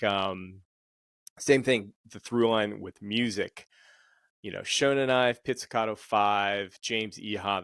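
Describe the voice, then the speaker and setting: A man's voice: fairly low pitch, fairly bright tone, dry recording, clean studio sound. A middle-aged man hosting a panel interview, rambling with many fillers and restarts. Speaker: podcast host and sync agent.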